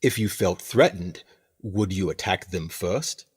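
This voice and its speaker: A male actor plays the sinister prison colony's smug, theatrical captain in a radio drama, delivering lines in a pompous, measured, condescending manner. The exaggerated voice sits low and husky and comes across as coolly authoritative.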